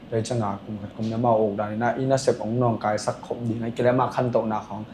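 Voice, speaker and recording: A man talks at a quick clip as a podcast guest, spinning loose, rambling stories full of filler sounds. His voice bounces around an echoey room, with a faint ambient hum underneath. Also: fairly low pitch, little pitch movement, darkish tone. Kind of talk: casual podcast chat.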